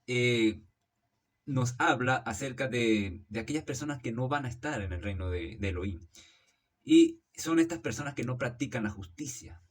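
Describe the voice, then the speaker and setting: A man reading Bible verses aloud and explaining them, in a measured delivery with frequent "eh" fillers and "¿ok?" checks, often correcting himself mid-sentence. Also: medium pitch. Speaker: Bible teacher.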